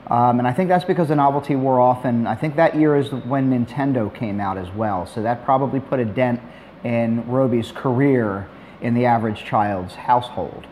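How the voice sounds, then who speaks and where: Middle-aged male tutorial host, mid-pitched, easygoing and plainspoken, faint noise behind. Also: moderate pace. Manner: relaxed, plainspoken, dry asides. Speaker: maker demonstrating a robot build. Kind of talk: tutorial narration.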